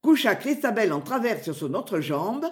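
A woman narrates an adventure tale aloud. Her reading is dramatic and expressive, with a lively, wide-swinging melody and a middle pitch. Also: moderate pace. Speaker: audiobook narrator. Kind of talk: storybook narration.

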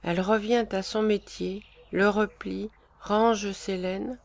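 Slow creaky woman reading directions. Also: medium pitch, steady tone, a little mellow. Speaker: reader of stage directions.

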